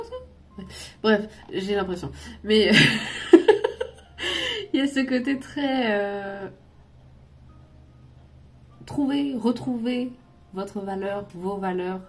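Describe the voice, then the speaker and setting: A woman doing a casual tarot and oracle card reading, rambling and laughing often, tossing in English words now and then. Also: mid-range voice.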